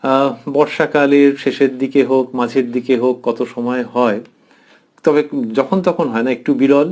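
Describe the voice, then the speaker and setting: A man giving a devotional lecture commentary as a professor, reflective and tender, pausing thoughtfully and slowing down to dwell on phrases. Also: medium pitch, steady tone. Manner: thoughtful pauses with soft fillers.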